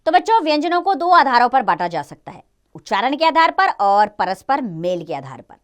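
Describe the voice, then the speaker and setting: A woman's voice: sits high, big pitch swings, fairly quick, clear, resonant tone. A woman teaching a grammar lesson to children, explaining step by step and asking and answering her own questions.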